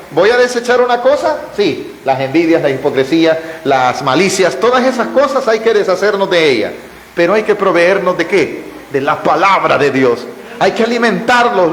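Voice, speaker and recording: A man's voice: high-pitched, slight background noise. A man preaching at a church Bible study, asking the congregation rhetorical questions and answering them himself, calling them brother and praising God between points. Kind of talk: sermon-style Bible teaching. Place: church hall, indoors. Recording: echoey church hall with long reverb.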